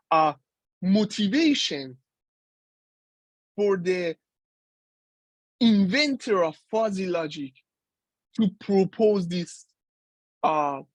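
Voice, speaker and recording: A guest lecturer in his forties, whose first language is Persian, gives a university lecture in a high-pitched voice at an unhurried, careful pace. He is halting, often breaking off mid-phrase to start again and filling gaps with hesitations, and the sound is dry and close with no room echo.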